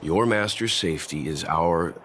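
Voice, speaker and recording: An actor playing a calm, reserved young male traveler in a video game, speaking in a measured and polite way. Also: low-pitched, a little hiss or hum. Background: faint game music.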